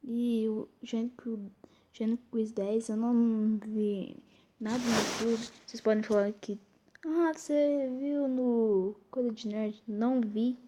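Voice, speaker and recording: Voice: medium pitch, dark tone. A Brazilian with a tongue-tied, slushy lisp in a woman's or child's register, giving casual, muttered commentary while playing a quiz game. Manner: informal, muttering reactions to the game. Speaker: gaming video host.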